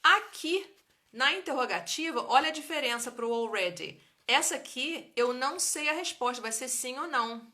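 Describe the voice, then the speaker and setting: A woman who speaks Portuguese as her first language, teaching an English grammar lesson on a live stream in a lively, chatty way and answering viewers' comments. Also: high-pitched, normal speed. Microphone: phone or webcam for a live stream.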